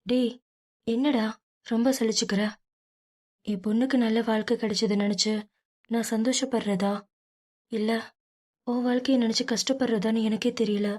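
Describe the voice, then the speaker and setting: A woman's voice: on the high side, fairly even intonation, moderate pace, long pauses, darkish tone, natural voice. A woman voicing a worried middle-aged mother who scolds her grown son and frets over his life. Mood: fretful. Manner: scolding, fretful.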